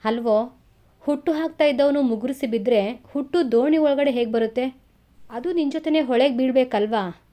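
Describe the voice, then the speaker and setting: A woman's voice: high voice, normal speed, dark tone, lightly acted. A woman voicing an anxious old village headman. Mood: questioning. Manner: pleading, questioning. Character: older village landowner man, anxious and tender.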